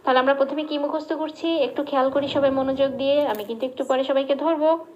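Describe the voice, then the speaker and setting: Patient woman teaching slow recitation. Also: high voice, steady tone, slight background noise. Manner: patient, repeats and drills pronunciation, asks the class questions. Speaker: religious teacher. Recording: dull lo-fi recording.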